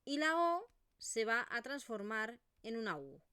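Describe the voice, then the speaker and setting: Woman, Eastern Catalan accent, language teacher, unhurried explanations, dry sound. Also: on the high side, very animated, pushed and bright, clean tone, no echo. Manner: slow, explanatory, models vowel sounds aloud. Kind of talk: online video lesson.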